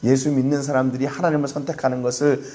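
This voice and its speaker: Korean pastor guy preaching at dawn service, mid-pitched voice, earnest, goes quiet for emphasis. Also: flat delivery, quick pace. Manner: earnest preaching, acts out scoffers' voices, rising then dropping to soft emphasis. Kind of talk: early-morning prayer sermon.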